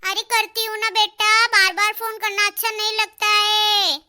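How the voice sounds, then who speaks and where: A woman voicing a patient middle-aged mother in a cartoon, soothing and gently scolding her married daughter. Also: extremely high pitch, flat delivery, unhurried, exaggerated voice. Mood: calm. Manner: coaxing, keeps calling her daughter "beta". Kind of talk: cartoon dialogue.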